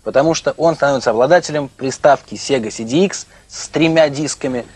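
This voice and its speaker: A man in his thirties presenting a TV show and interviewing guests in a jokey, theatrical way, with a husky voice. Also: mid-range voice, brisk, a little mellow, no echo. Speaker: TV show host. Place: small TV studio.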